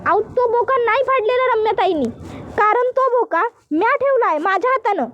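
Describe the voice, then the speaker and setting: A woman's voice: very high-pitched, animated, normal speed, dull audio, slight background noise, pitched above the performer's own voice. A woman voicing an earnest village maid who speaks in rural Marathi dialect, pleading and apologetic.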